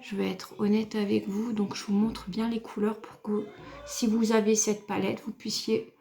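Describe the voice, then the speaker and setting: A woman's voice: mid-range voice, little pitch movement, moderate pace, warm tone. A woman from France explaining a makeup look step by step to her viewers, patient and chatty as she talks to camera. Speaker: beauty YouTuber. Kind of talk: makeup tutorial talk to camera.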